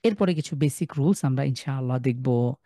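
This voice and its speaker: A man's voice: medium pitch, no echo. Bengali man teaching Arabic letter sounds. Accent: Bangladeshi Bengali. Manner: sounds out each letter slowly and loudly, then explains. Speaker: Quran recitation teacher. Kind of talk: online class lesson. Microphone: video call.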